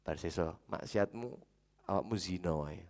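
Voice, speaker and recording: A man voicing a sly male devil who tempts in a low, hushed, coaxing voice. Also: normal speed.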